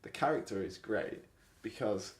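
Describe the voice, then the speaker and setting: A man's voice: on the low side, normal speed. A man co-hosting a podcast, talking casually and analytically about a film with lots of fillers. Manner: relaxed, analytical, many fillers. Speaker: podcast co-host. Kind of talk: casual film review chat. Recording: echoey room.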